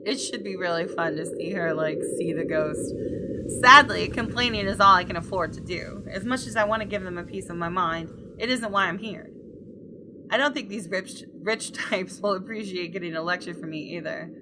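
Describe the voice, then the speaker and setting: Speaking at a moderate pace in a fairly low voice, a woman gamer performs a visual novel's story aloud with expression and chats casually along the way. The background is noisy, with soft game music faintly underneath.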